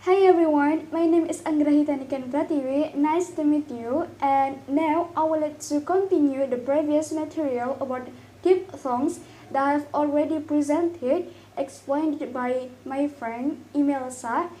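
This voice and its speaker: A young woman giving a student presentation, slowly sounding out each example vowel twice. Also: high voice, steady tone, dark tone. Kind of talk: classroom presentation.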